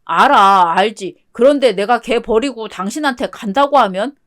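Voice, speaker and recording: A woman's voice: fairly high pitch, normal speed, close to an everyday voice. A woman voicing a desperate, clingy ex-husband who pleads and pities himself, in a one-voice radio drama reading. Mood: begging. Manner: pleading, clingy, self-pitying. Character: whiny cheating ex-husband, middle-aged man, desperate.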